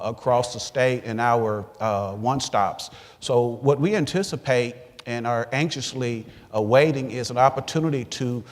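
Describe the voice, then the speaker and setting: A man with an Arkansas accent speaks as a panelist at a conference. His voice sits at a middle pitch and rings out through a reverberant hall sound system. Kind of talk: prepared panel remarks to an audience.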